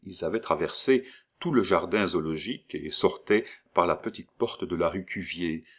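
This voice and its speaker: A man narrating a classic story aloud, with a fairly low voice. He reads at a steady, measured pace, carrying the scenes along in a calm storyteller's way. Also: breathy edge. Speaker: audiobook narrator. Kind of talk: scripted literary narration.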